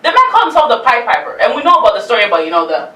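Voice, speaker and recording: A woman's voice: on the high side, wildly swooping pitch, rapid-fire, sharp tone, echoey room, recorded from a distance, a little hiss or hum, low-quality recording. A woman hosting a talk show, arguing her point emphatically in casual debate. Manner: argumentative, pushes back emphatically.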